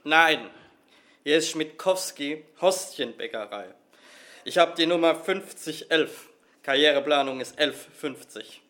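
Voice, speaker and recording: An actor playing a blunt, talkative bakery worker answering a phone in a comedy sketch. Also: male voice, fairly high pitch, measured pace, bright, forceful tone. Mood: grumbling. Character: chatty, put-upon male wafer bakery worker.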